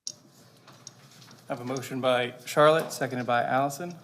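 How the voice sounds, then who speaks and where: A man serving as board president, running through agenda items in a brisk procedural way. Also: mid-range voice, steady tone, background noise. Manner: brisk procedural, trailing off quietly. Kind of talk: chairing a meeting.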